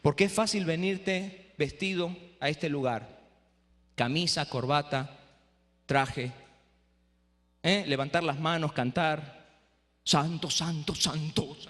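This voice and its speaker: A man lecturing pastors in a preaching style, lively and rhetorical, often asking the audience "eh?". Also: a little high, slow, long pauses. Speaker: speaker at a training for pastors. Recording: echoey hall.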